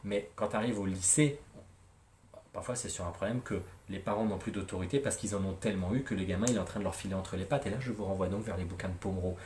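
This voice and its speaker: A man's voice: sits low, quick pace, a little mellow, a little hiss or hum. A man, a psychologist, talking casually and animatedly on a live show, joking and using slang. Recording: echoey room.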